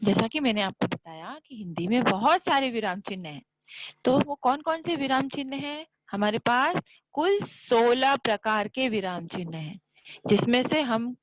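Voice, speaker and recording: Woman, teacher, school grammar lesson, patient step-by-step explaining, lively pitch, dry close sound. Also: dry recording, rough recording.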